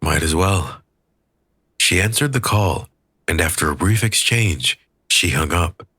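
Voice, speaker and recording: A man narrating an audiobook with a very deep, husky voice, measured and expressive, with lively rises and falls. The sound is close and dry. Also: no room sound. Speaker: audiobook reader.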